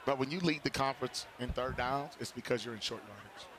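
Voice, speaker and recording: A man's voice: mid-range voice, a little fast, a bit bright, rough recording. A man giving conversational color analysis during a live football game, explaining plays informally. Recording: clear stadium background noise. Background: outdoor stadium ambience.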